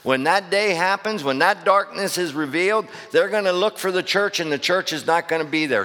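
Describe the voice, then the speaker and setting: A hoarse pastor hollers a fiery call-and-response sermon in a church sanctuary, his voice fairly high and sharp in tone. The long reverb of the church hall fills the recording.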